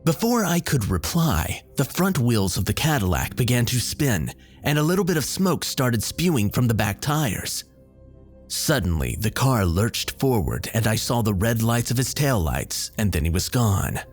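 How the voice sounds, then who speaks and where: A man narrating a first-person horror story in a measured storytelling manner. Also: mid-range voice, very animated, faint music behind. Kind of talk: scripted narration.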